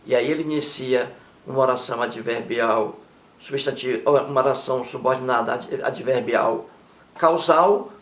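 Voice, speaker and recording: A man teaching a language lesson, reading example sentences slowly and with emphasis, often turning to the viewer to check they follow. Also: medium pitch, distant mic. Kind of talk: grammar lesson. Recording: echoey room.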